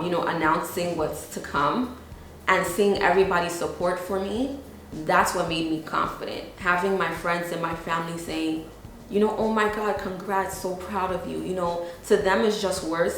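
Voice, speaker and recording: Echoey, low-voiced young New woman. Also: a bit bright, a little hiss or hum. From New York, USA. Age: 20s. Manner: casual, chatty, frequent "like" and "you know". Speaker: young business founder. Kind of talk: documentary interview. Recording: very echoey room.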